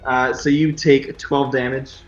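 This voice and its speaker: A man running a tabletop game as dungeon master, laid-back and halting, with lots of pauses and fillers. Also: mid-range voice, flat delivery, lo-fi sound. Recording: echoey room with faint music.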